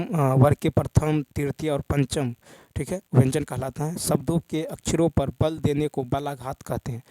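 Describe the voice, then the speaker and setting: A man teaching an exam-prep lesson in a slightly high voice. He works steadily through practice answers and keeps checking in with "thik hai". The sound is dry and close, with no room echo. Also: dark tone. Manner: repetitive, says "thik hai" often.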